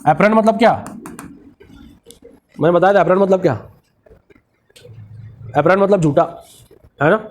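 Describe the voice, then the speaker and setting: A man's voice: high-pitched, normal speed, pauses often, a little mellow, slight background noise. A man teaching a physics lecture with a Marathi-influenced Hindi accent. He mixes English technical terms into his speech, asks the class questions and answers them himself.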